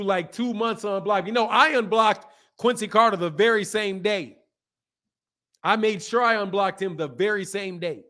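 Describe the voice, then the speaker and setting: A boxing channel host in his fifties runs a casual live stream, reading comments aloud in a fairly high voice for a man. He's animated, talks back to the chat, drives his points home by repeating them, and laughs a lot.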